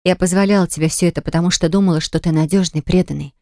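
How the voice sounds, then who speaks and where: Woman reading hurt young woman, reproachful, cutting, lowish voice, dry close sound. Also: steady tone, quick pace, darkish tone, no room sound, close to an everyday voice. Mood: accusing. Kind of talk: audiobook dialogue reading.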